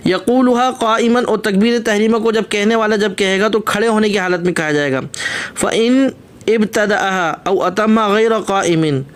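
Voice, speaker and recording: A man with a notably high voice teaches a religious text in a patient lesson. He reads a short phrase of the original, then explains it piece by piece. He often asks a question aloud and answers it himself. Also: clean tone. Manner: repeats and rephrases points for emphasis.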